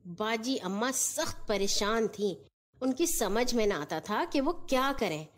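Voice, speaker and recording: Slow-paced, higher-voiced woman storyteller. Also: animated. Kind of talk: scripted narration of a children's story.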